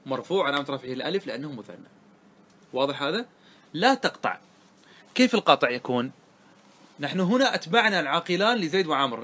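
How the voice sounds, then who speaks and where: Grammar sheikh teaching a lesson. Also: male voice, on the high side, a bit bright. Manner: asks students rhetorical checks, recites verse slowly. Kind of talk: classroom lesson explaining a grammar poem.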